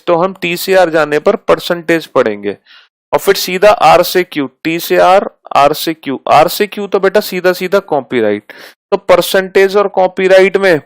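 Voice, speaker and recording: A man teaching a math class in a slightly high, gravelly voice that stays clear and crisp. He speaks at an unhurried, slow pace, repeating each point and drawing out terms as he dictates them. The recording is close and dry. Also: dry recording, low-quality recording. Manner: patient, repeats each step, calls students "beta" and "mere bhai"; reads out terms slowly and deliberately.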